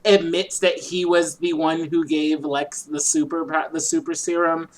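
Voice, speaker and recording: A woman's voice: sits low, level tone, measured pace. A woman co-hosting a podcast, talking casually about a movie, full of fillers and freely swearing. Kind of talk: casual movie review chat.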